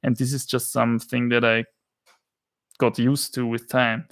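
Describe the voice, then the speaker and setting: A man's voice: medium pitch, flat delivery, unhurried, fairly bright tone. Austrian-accented male streamer, gritty voice, loose joking banter with chat. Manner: rambling, joking, reads chat comments aloud. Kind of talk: casual livestream chat.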